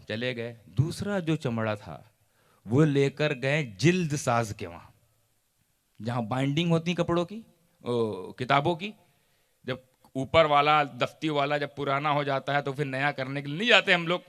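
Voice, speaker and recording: Bright-voiced preacher telling a parable. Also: male voice, a little high, a little slow. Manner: rhetorical questions answered himself, swings from loud to soft. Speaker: Islamic preacher. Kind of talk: sermon storytelling.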